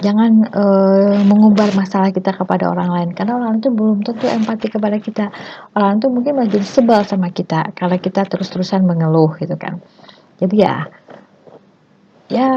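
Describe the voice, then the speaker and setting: A woman teaches in a relaxed, chatty way, leaning on tag phrases and now and then acting out overdone greetings in a high squeal. Her voice is warm and mellow at a middling pitch. The recording sounds muffled, with a faint hiss behind it. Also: a little fast, vocal fry. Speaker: teacher giving self-development tips. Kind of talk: casual spoken lesson.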